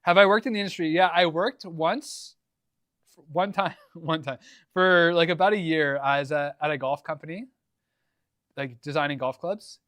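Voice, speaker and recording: Young male streamer, fairly high voice, dry close sound, relaxed and rambling. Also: moderate pace, no echo. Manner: laid-back, rambling, lots of likes and ums. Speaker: livestream host. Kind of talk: casual livestream Q&A. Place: home workshop.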